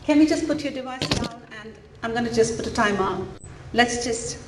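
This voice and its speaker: In an echoey school auditorium with faint room ambience and background noise, a mindfulness coach from India leads an interactive talk for parents, asking questions and offering encouragement. An Indian language is her first language, and she speaks at a moderate pace in a voice on the high side.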